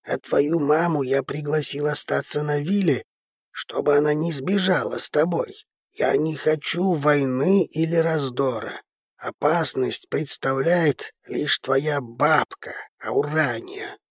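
A man voicing a calm, commanding old grandfather in an audiobook, speaking in a measured, soothing way. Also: on the high side, breathy edge, no room sound, clean studio sound, exaggerated voice. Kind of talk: audiobook character reading.

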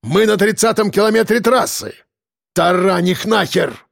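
A male narrator voicing a stern convoy lieutenant who barks orders in a gravelly, raised voice. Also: high-pitched, moderate pace, pitched above the performer's own voice. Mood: shouting orders. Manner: barked orders, shouting. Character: stern, gruff middle-aged convoy lieutenant.

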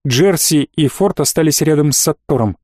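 A man reading an audiobook as narrator in even, measured storytelling. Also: a little high, dry recording, studio quality. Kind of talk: scripted narration.

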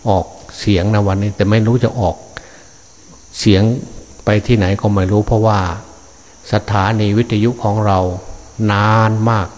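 A man's voice: fairly low pitch, fairly even intonation, unhurried, a little mellow. An older man, a Buddhist monk, giving a fatherly Dharma sermon with frequent hesitant fillers, speaking to his listeners as his children and grandchildren.

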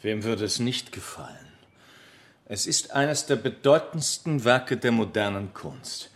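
An actor playing a suave, flippant, worldly lord in a German radio play, speaking in an urbane, teasing and nonchalant way. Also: male voice, medium pitch, lively intonation, unhurried.

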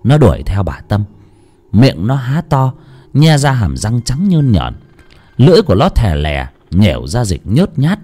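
A man narrating a ghost story with dramatic, lively storytelling. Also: mid-range voice. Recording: music under the voice.

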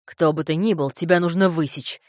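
A woman's voice: low-pitched, a little fast, a little mellow, no echo, clean studio sound, close to an everyday voice. A woman reading an audiobook, voicing a fat, greedy, pompous man who blusters and threatens. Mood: blustering.

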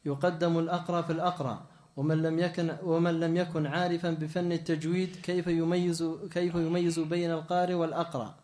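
A man reading a passage from a book aloud in class, pausing and restarting on some words. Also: fairly high pitch. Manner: reads in a flat voice with small restarts. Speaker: student reading the text aloud.

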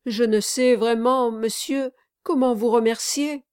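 A woman's voice: fairly high pitch, steady tone, a little slow, clean tone, dry recording, clean studio sound, lightly acted. A woman voicing a humble, earnest young male servant in an audiobook, speaking politely and gratefully.

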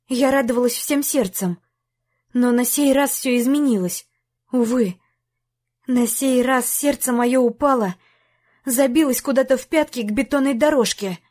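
A woman's voice: a little high, darkish tone. Woman narrating a tense audiobook. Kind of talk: first-person audiobook narration.

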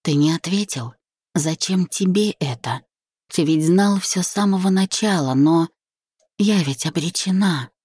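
A woman reading the part of a proud young wife who is defiant, indignant and hurt, voiced higher and louder than the narration. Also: unhurried, husky, no room sound. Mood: hurt, pleading. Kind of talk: audiobook reading.

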